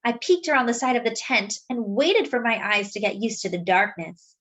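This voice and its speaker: Her pitch leaning high, a woman narrates a story for children with expressive, dramatic, unhurried delivery, just as a storyteller would for young listeners.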